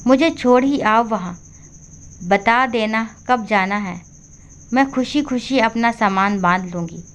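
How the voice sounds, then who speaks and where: A woman voicing an elderly, meek mother who speaks softly and hesitantly in a storybook. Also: a little high, measured pace. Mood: resigned. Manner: soft and hesitant. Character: elderly meek widowed mother, gentle and pleading.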